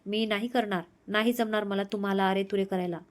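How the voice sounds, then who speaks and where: A woman's voice: mid-range voice, fairly even intonation, brisk, natural voice. A woman voicing a young wife who fusses over her husband and teases him back, read in her own voice as part of a storybook reading. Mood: playful. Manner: pleading, playful. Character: young wife, worried and playful.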